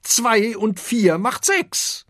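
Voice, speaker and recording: A reader voicing a cheeky, sulky know-it-all monkey in a children's story, shouting shrilly and indignantly. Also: mid-range voice, sing-song, very slow, dry recording, clean studio sound, pitched above the performer's own voice, exaggerated voice.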